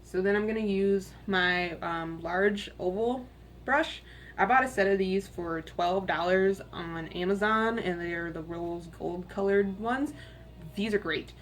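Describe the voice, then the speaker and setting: Raspy young woman rambling about her makeup at her desk, candid, swears a bit. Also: medium pitch, measured pace, slight background noise. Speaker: beauty vlogger. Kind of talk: casual get-ready-with-me makeup chat.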